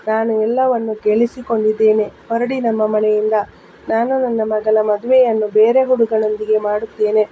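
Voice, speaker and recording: A woman's voice: on the high side, flat delivery, moderate pace, lightly acted. A woman voicing a stern, angry middle-aged father in a storybook reading, speaking in a commanding way. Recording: dull lo-fi with faint hiss.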